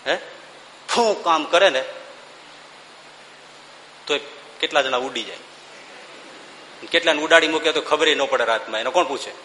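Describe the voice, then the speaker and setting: A man's voice: a little high, moderate pace, long pauses, bright, forceful tone, a little hiss or hum. Emphatic man in an echoey hall. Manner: emphatic, rhetorical questions, breaks into chanted verse. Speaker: spiritual discourse speaker. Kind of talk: devotional discourse with sung verses.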